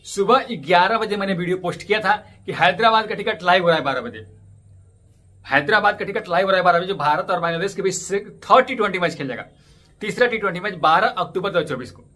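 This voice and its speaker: A brisk man with a high, bright, expressive voice chats to camera indoors in front of a green screen stadium backdrop. As a YouTuber giving cricket ticket updates, he walks through app steps in a casual tutorial vlog. He keeps repeating plugs for his channel.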